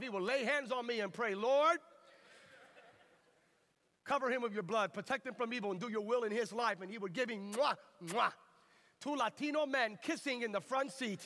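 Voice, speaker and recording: A middle-aged American man preaching a sermon, telling lively, humorous stories. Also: high voice. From United States. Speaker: pastor. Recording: reverberant hall.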